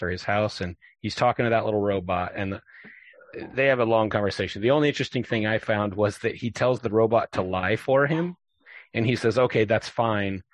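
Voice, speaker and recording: A man hosting a casual chat, recapping a TV episode in a relaxed, joking way with lots of filler words. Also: fairly low pitch, no room sound, rough recording. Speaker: podcast host.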